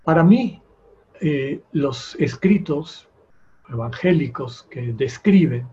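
A man giving a slow, reflective spiritual talk on prayer, measured, his phrases sinking to a near whisper at the ends. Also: fairly high pitch, lively intonation, dark tone. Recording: dull lo-fi sound with faint noise.

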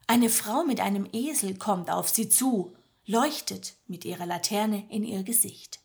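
Slow-reading woman storyteller. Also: mid-range voice, gravelly, a little mellow. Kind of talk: scripted story narration.

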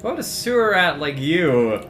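A man's voice: fairly high pitch, very animated, moderate pace, fairly bright tone, faint music behind. A man voicing a pompous, preening one-eyed male duke villain in a tabletop game, sneering and haughty.

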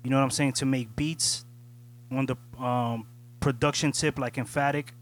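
A man's voice: mid-range voice, fairly even intonation, normal speed. A man co-hosting a casual podcast chat, talking in a reflective way and often asking "you know what I'm saying". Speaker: podcast co-host.

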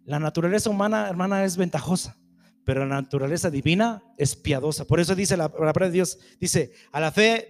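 A man preaching a sermon in a high, lifted voice. He talks emphatically and fires rhetorical questions at the congregation. Soft music plays faintly behind him.

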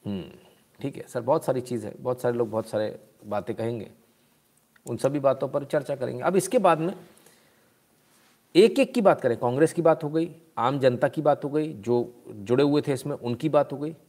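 A man's voice: mid-range voice, normal speed, dark tone. A man giving casual, sarcastic live-stream news commentary, mixing Hindi and English.

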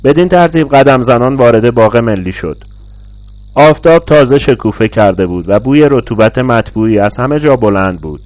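Measured male storyteller, dry close sound. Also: medium pitch, lively intonation, a little mellow, dry recording. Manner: measured, literary reading. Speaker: narrator. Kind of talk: scripted narration of a literary short story.

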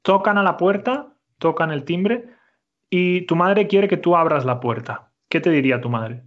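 A man teaching a Spanish lesson, speaking slowly and clearly and repeating his student's answers. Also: on the high side, animated, highs cut off. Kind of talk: conversational language lesson.

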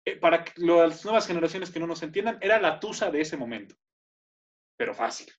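A man's voice: fairly high pitch, animated, brisk, dull audio. A young Mexican man co-hosting a podcast, ranting with playful mock outrage and joking with his co-host. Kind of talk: casual chat.

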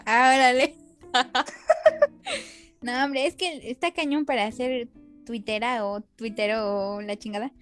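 A woman's voice: on the high side, moderate pace, a bit bright, faint music behind. A young adult woman with a Mexican accent, co-hosting a casual comedic chat with slangy, wry, self-deprecating humor. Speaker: podcast co-host.

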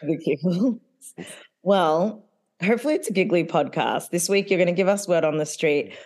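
Young woman co-host, casual and giggly, fairly low voice with a bouncy, animated delivery. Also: normal speed. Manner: giggly, animated, says "like" a lot. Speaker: podcast co-host. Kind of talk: casual chat.

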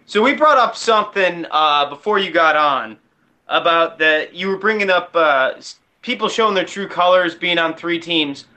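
A man's voice: a little high, expressive, moderate pace, sharp tone. A man co-hosting a casual hockey podcast, enthusiastic and joking. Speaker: podcast co-host. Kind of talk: casual sports chat.

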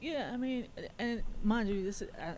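A man's voice: sits high, animated, moderate pace, a little mellow, a little hiss or hum. A man from the Caribbean co-hosting a podcast, chatting in an easygoing way, telling stories and laughing often. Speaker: podcast co-host. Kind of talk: casual chat.

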